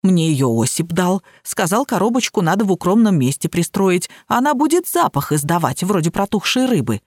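Female reader doing a fussy, grumbly elderly woman, low register, dry audiobook. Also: moderate pace, no echo. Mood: grumbling. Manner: grumbling and excitable.

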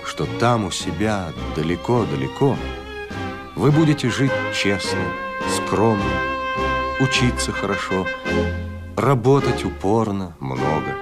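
Grave, slow, low-voiced wartime writer. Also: male voice, sing-song. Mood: grave, earnest. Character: earnest wartime writer, solemnly addressing children from the front. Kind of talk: dramatic radio monologue. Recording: loud music under the voice.

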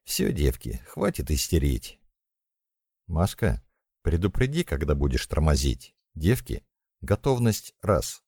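A man's voice: very deep voice, huge pitch swings, measured pace, warm tone, husky, no room sound, clean studio sound, heavily acted. A man reading an audiobook voices a decisive young woman who commands a squad of girls. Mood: commanding. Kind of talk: audiobook character voice.

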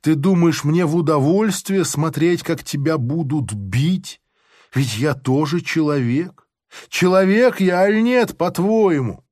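A man's voice: on the high side, animated, takes it slowly, no echo, studio quality. A man playing a sanctimonious, sadistic army officer who talks in a smug, moralizing way, in a storybook reading. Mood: smug, oily. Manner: unctuous, moralizing, then gleefully shouting.

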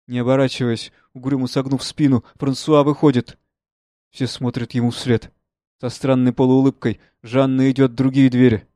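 A man reading a play aloud, giving the stage directions in a plain, measured way. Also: medium pitch, little pitch movement, mellow, no echo, studio quality. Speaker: reader.

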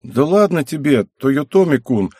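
A man's voice: on the high side, big pitch swings, normal speed, a little mellow, no echo, studio quality, pitched above the performer's own voice. A man voicing a timid, spineless teenage boy who pleads with others. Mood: pleading.

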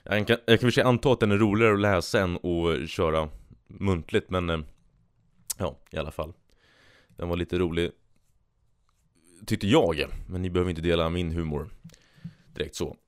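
A man's voice: low-pitched, steady tone, long pauses, clean tone, dry recording, studio quality. A man hosting a solo podcast, chatting casually and reading out jokes with a rambling, self-amused manner. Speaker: podcast host.

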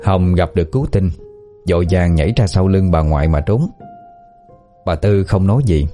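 A man narrating a ghost story in a steady, lively storytelling manner. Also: low-pitched, moderate pace, soft background music. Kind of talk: scripted audio-story narration.

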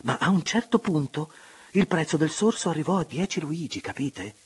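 A coquettish young noblewoman, as a male reader puts her on, her voice raised and lively. There is a husky grain under the high notes. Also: normal speed, heavily acted.

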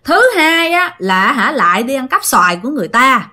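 A woman's voice: sits high, big pitch swings, a little fast, bright, forceful tone, heavily acted. A woman voicing an angry mother scolding her son in an exasperated tone.

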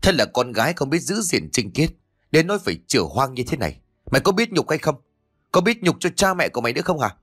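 Male reader as a stern old father in a storybook, furious, fast bursts of scolding. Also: medium pitch, big pitch swings, husky, pitched above the performer's own voice. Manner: shouting, scolding harshly.

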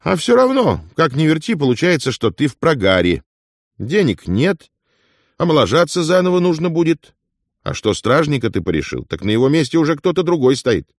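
A man reading an audiobook and voicing a boisterous, talkative older male companion who lectures in a lively raised voice. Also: fairly low pitch, normal speed, no echo, studio quality, pitched above the performer's own voice. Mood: mentoring. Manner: loud, lively, mentoring.

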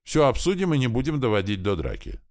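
A man reading an audiobook, voicing a calm, commanding young male group leader. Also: medium pitch, fast, pitched above the performer's own voice. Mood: firm. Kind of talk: audiobook character voice.

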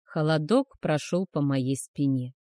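A woman narrating a first-person fantasy romance audiobook in a soft, measured, emotional way. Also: low voice, no room sound, studio quality.

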